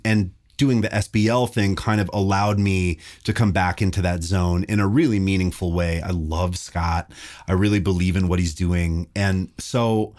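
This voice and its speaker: A man in his forties, a bass player chatting casually in an interview, animated and enthusiastic. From Minneapolis. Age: 40s. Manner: animated, enthusiastic, laughs often.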